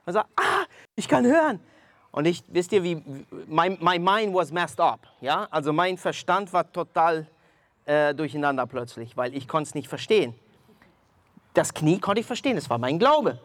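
A man preaching, telling a testimony in an animated storytelling way and speaking straight to his listeners. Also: fairly high pitch, moderate pace, no echo. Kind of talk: sermon testimony.

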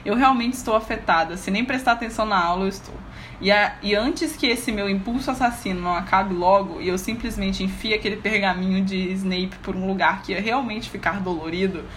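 A fed-up teenage witch scribbling angry diary entries, muttering her grievances in a brazilian accent, as a woman reads her lines out from a fan story. The voice sits at an ordinary middle pitch and stays quiet and grumbling. Faint noise runs under the recording. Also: fairly quick, natural voice. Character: moody, irritable teenage girl witch writing a diary. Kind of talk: reading fan fiction aloud.

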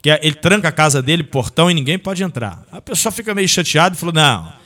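A man's voice: a little high, expressive, fast, pushed and bright. A man hosting a local radio sports show, chatting folksily with listeners and reading sponsor ads. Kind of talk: casual radio talk with live ad reads.

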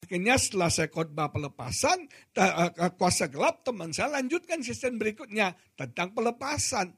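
An older man, a pastor, preaching an animated sermon full of storytelling, often turning to address his congregation. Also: sits high, slightly rough.

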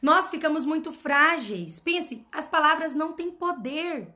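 A woman's voice: high voice, expressive, a little slow, sharp tone. A woman mentoring her followers in an emphatic motivational talk. She repeats her points and keeps asking rhetorical questions. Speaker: personal development mentor.

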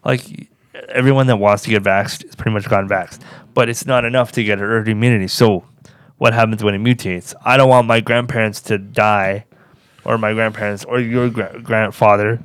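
Low-voiced young man, dry sound. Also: fairly even intonation, normal speed, a bit bright, smooth, no room sound. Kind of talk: casual chat.

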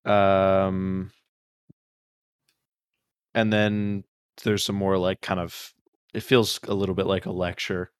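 A man with a low voice talks through a short story on a casual book podcast. He rambles a little, fills gaps with ums and likes, and circles back on himself. The sound is dry and close. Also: level tone, slow, long pauses, smooth, no echo. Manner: rambling retelling with many fillers. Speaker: podcast co-host.

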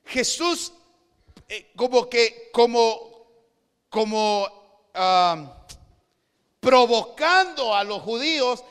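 High, bright Guatemalan preacher in a reverberant hall. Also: male voice. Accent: Guatemalan Spanish. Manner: swings between quiet asides and shouted preaching. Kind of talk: sermon.

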